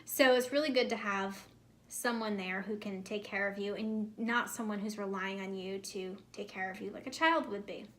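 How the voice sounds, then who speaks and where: A woman's voice: mid-range voice, steady tone, moderate pace. A young American woman chatting casually to camera as a vlog host, giving advice with emphatic repetition, her speech slightly impeded by a swollen mouth. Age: young adult. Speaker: host of a pregnancy-prep vlog.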